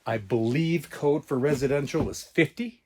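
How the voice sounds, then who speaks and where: A man's voice: a little high, moderate pace. A man casually talking to the camera as he explains his own off-grid cabin build. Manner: relaxed, chatty, explaining as he goes. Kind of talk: casual vlog talk to camera.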